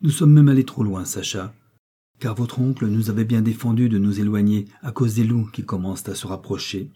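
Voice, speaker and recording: A man reading an audiobook, voicing a gentle, compassionate young princess who speaks softly and pleadingly. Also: fairly low pitch, brisk, husky.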